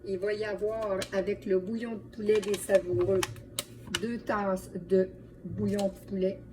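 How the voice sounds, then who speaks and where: This home cook and video host speaks French with a Quebec accent, talking to her audience as though they were friends during a relaxed cooking demo. Her mid-range voice barely shifts in pitch, and she takes her time. Light background noise comes through a distant microphone.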